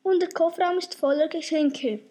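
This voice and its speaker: High-voiced woman narrating a story. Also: moderate pace. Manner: lively, chatty, addresses the listeners. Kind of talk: storybook narration in an amateur radio play.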